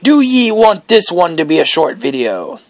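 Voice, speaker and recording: A man voicing a jolly pirate with a gravelly pirate voice and accent, chatting in character over a video game. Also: sits high, sing-song, normal speed. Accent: put-on pirate. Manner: pirate voice with archaic "ye" and "be" speech. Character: gruff jolly male pirate chatting to his matey. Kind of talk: playful in-character gameplay commentary.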